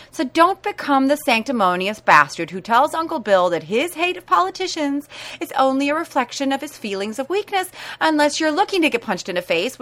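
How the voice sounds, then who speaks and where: A woman giving blunt, sassy self-help advice in an animated way. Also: sits high.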